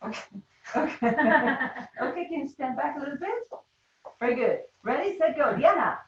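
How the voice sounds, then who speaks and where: Brisk woman trainer in an echoey room. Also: high voice, lively intonation. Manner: brisk, instructive, laughs often. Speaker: teacher trainer. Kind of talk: leading a classroom game demo. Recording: roomy, distant, dull classroom sound.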